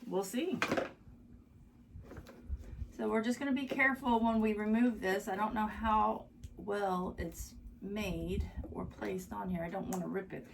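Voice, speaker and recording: A woman hosting a casual craft tutorial, chatty and upbeat, a little hoarse, gushing over how cute things are. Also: medium pitch, a little slow, distant mic, a little hiss or hum. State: slightly hoarse.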